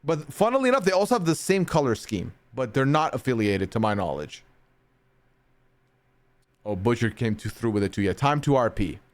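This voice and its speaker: This man's medium-pitched voice swings widely in pitch as he talks at a normal speed, fielding chat on his stream. He's from North America, though his mixed accent is sometimes read as British, and he rambles cheerfully with frequent laughs.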